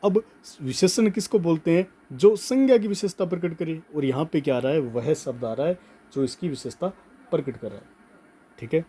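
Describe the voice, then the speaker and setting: Guy teaching grammar to students, mellow voice, dictates slow and repeats stuff a lot. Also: on the high side, animated, slightly rough. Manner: slow emphatic dictation, repeats words, frequent "ठीक है". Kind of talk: Hindi grammar lesson, dictating notes.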